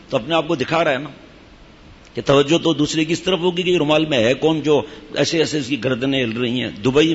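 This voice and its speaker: A man's voice: mid-range voice, breathy edge. A man, a sheikh speaking to his disciples, gives an informal religious talk in a conversational way, breaking off now and then for asides to his listeners. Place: gathering in a Sufi lodge. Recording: dull, echoey hall recording.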